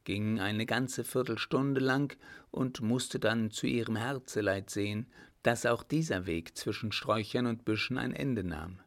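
A man narrating a novel as an audiobook in a measured, steady storytelling manner. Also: mid-range voice, creaky.

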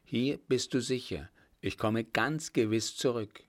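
A man's voice: mid-range voice, measured pace, lightly acted. A man reading an audiobook, voicing a resolute young cavalry lieutenant who speaks firmly and gives orders. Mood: reassuring. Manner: firm, commanding, reassuring.

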